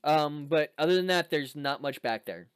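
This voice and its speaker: A man running a tabletop game as game master, describing scenes with pauses and fillers. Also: a little high, animated, smooth, dry recording, clean studio sound.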